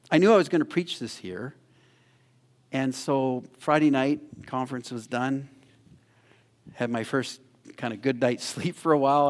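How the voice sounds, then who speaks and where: Animated man preaching in a reverberant hall. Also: mid-range voice. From Canada. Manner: animated, repeats words, rises loud when urging. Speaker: guest preacher. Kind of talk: sermon.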